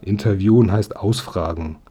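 A friendly, kindly police inspector who explains things patiently, read by a man. His voice is low and mellow with a husky grain. It sounds like a storybook audiobook. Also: normal speed.

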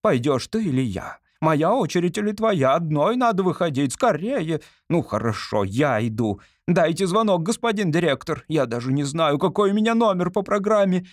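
A man voicing a hypnotized old woman who believes she is a twenty-year-old actress, speaking in high, excited exclamations. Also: normal speed, hardly any pauses, no room sound, studio quality, natural voice. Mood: giddy.

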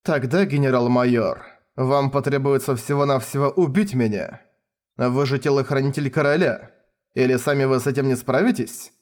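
A man voicing a cold, composed male colonel who speaks calmly and deliberately. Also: mid-range voice, lightly acted. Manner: calm, icy, measured.

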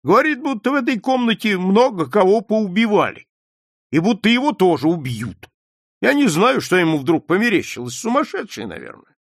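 A man's voice: high-pitched, sing-song, moderate pace, dry recording, clean studio sound, pitched above the performer's own voice, full character voice. A man voicing a sullen, defensive young man in a spoken story, grumbling and snapping back.

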